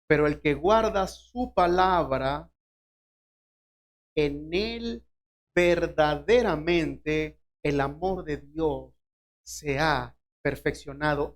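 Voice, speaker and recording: A man preaching a sermon, asking the listeners direct questions and now and then acting out short dialogues from scripture. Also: fairly high pitch.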